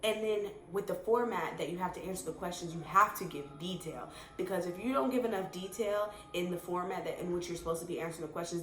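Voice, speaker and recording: A woman vlogger giving casual advice straight to camera, chatty and repetitive, with lots of fillers. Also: on the low side. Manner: chatty, repeats words, many fillers. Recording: echoey room, faint noise.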